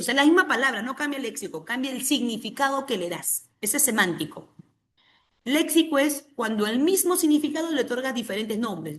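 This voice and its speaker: A woman from Peru with a Peruvian Spanish accent teaches an exam-prep language class in a slightly high, somewhat bright voice. She asks the class questions, answers them herself, and frequently tacks on a tag question.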